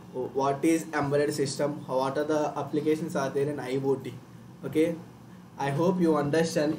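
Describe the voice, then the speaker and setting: A man's voice: a little high, darkish tone. A man with a Telugu Indian accent, a native Telugu speaker, explaining like a live online tutor in a repetitive way. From Telugu-speaking South India. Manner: repetitive, checks understanding with tag words. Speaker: online workshop instructor. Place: indoor room, live screen-share stream. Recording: roomy, distant mic, faint noise.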